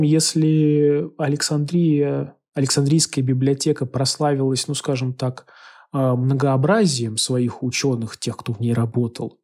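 A man telling history on a podcast in an unhurried, thoughtful way with many small fillers. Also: medium pitch, darkish tone. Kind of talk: casual history podcast talk.

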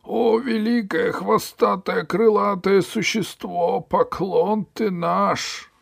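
Old ferryman over 60, high, drawn-out whining pleas. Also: fairly even intonation, vocal fry, full character voice. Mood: wailing pleading. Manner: high wailing pleading. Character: old male ferryman, poor, groveling.

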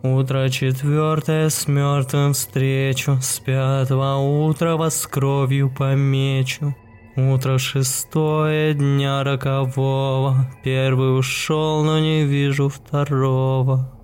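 A man voicing a sinister, cruel teenage ghost girl who sings and taunts in a slow, eerie sing-song. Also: a little high, faint music behind, voice pushed up, natural voice.

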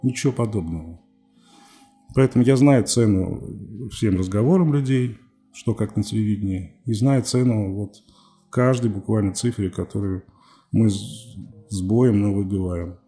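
A man's voice: lowish voice, normal speed, dark tone, faint music behind. A man in his forties, a TV journalist speaking as a podcast guest, talking candidly and with a defiant, wry edge. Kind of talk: candid interview talk.

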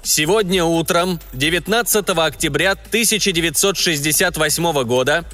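A man's voice: on the high side, pushed and bright, faint music behind, voice pushed up. A man doing a solemn Soviet radio announcer. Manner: slow, ceremonial proclamation.

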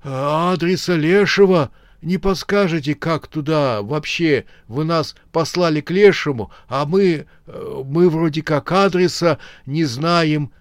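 A man's voice: on the high side, big pitch swings, slow, pushed and bright, no room sound, studio quality, pitched above the performer's own voice, full character voice. A man voicing a greedy, quarrelsome elderly male bandit in a storybook horror tale, his voice strained and raised. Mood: frightened.

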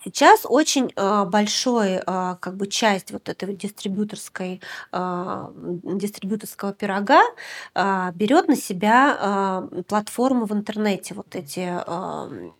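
A woman from Yakutia answers interview questions about her documentary work. Her pitch sits in a middle range, and she speaks thoughtfully, pausing often with filler sounds as she gathers her words. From Yakutia, Russia. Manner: reflective, hesitant, many filler sounds. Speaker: documentary film director. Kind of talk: conversational podcast interview.

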